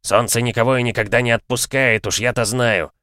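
A man voicing a boastful, loud male dwarf with a blustering, folksy manner. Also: mid-range voice, steady tone, a little fast, dry recording, studio quality, pitched above the performer's own voice, close to an everyday voice.

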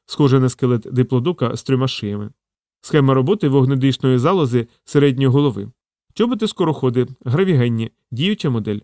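A man narrates an audiobook in a steady, even voice at a mid pitch. The recording is close-miked and very dry, with no room sound. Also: brisk, dry recording. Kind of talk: scripted narration.

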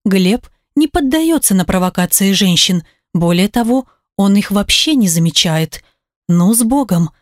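A woman reading a first-person audiobook in an expressive way and giving the characters their own voices. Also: medium pitch, a little slow, no echo, clean studio sound. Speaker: audiobook narrator.

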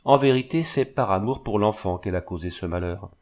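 A man reading the lines of a grieving peasant father, harsh and bitter, in a low voice. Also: fairly quick, close to an everyday voice. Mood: remorseful.

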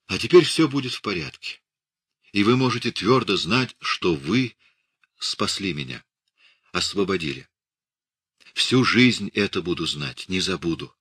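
A man reading a weary hunted scientist, low and husky. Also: animated, no echo, clean studio sound, heavily acted. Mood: resigned. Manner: quiet, resigned, measured. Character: weary hunted middle-aged male scientist.

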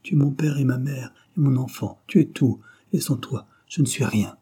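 A man's voice: medium pitch, normal speed, dark tone, slightly rough, voice pushed up. A man voicing a passionate young woman devoted to her lover, reading a novel aloud in a fervent, pleading way.

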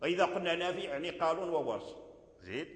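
A man's voice: on the high side, animated, racing. A man, teaching Quran recitation and explaining verse by verse while repeating example words. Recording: echoey hall.

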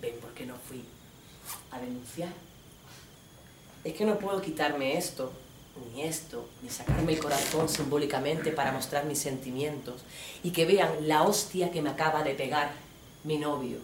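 A woman's voice: sits low, moderate pace, far from the mic, slight background noise. A woman performing a comic theatre monologue, frank and ironic as she speaks straight to her audience. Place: theatre stage. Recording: roomy live stage recording from afar.

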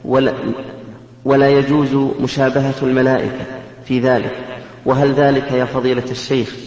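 A man formally reading out questions to a scholar in a steady way. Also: medium pitch, normal speed. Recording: echoey hall, muffled lo-fi tape.

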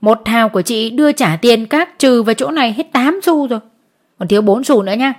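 A woman's voice: on the high side, fairly quick, natural voice. Woman doing a brusque petty treasurer. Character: petty male treasurer counting coins.

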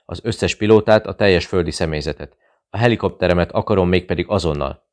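Audiobook: male narrator doing an icy, commanding male warlord, very deep, curt. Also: lightly acted. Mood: urgent.

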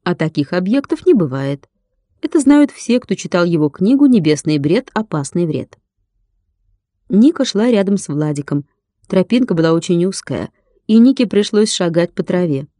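A woman reading a children's story aloud as an audiobook narrator, in a calm, even storytelling manner. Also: lowish voice, normal speed, dry recording, studio quality. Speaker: audiobook reader.

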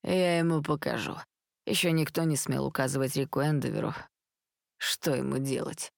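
A woman voicing a drunk, cocky teenage boy in a storybook reading, speaking in a slow, smirking drawl. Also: deep voice, big pitch swings, creaky, dry recording, clean studio sound, exaggerated voice. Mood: muttering.

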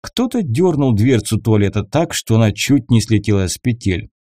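A man narrates a first-person audiobook in a steady, grim way. His voice is mellow and dark-toned, with lively pitch movement. The recording is dry and close, with no room sound. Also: normal speed, dry recording.

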